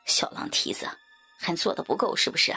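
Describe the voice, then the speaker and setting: A woman's voice: fairly quick, pushed and bright, soft background music, close to an everyday voice. A woman voicing a smug, scheming young male swordsman who sneers and teases. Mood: mocking. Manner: sneering, teasing.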